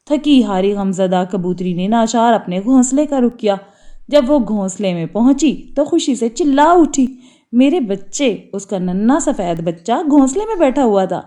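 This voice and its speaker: Mellow woman narrating a storybook. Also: on the high side, lively intonation.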